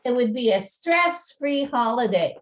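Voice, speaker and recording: Heard on a distant mic, a museum presenter who also narrates radio plays leads an informal talk with slides and dramatic reading. Her voice is a little high and expressive, her pace measured, and her manner chatty and self-deprecating.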